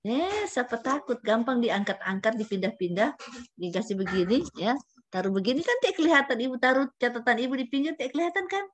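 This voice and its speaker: A woman's voice: fairly high pitch, animated, quick pace. A woman mentor guiding trainees in an online session, chatty, tagging many sentences with a questioning "ya". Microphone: camera at a computer.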